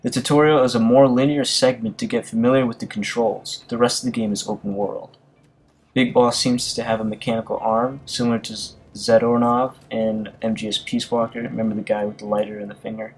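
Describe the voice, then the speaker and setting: Reading articles aloud and narrating gaming news in a relaxed way, this commentator speaks in a mid-range voice with a level tone and a brisk pace. He often stumbles with fillers and restarts, and the recording is of low quality.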